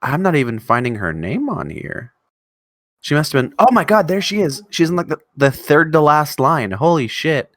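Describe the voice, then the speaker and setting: A man's voice: a little high, sing-song, moderate pace, no room sound, clean studio sound. A man co-hosting a casual music chat show, talking with rambling enthusiasm and casual swearing. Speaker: podcast co-host.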